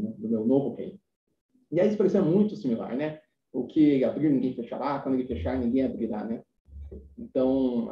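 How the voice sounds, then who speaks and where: Mellow man teaching scripture. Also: a little high, roomy sound, highs cut off, a little hiss or hum. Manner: conversational, frequent "né?" tags, reads scripture slowly. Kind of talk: recorded Bible lesson.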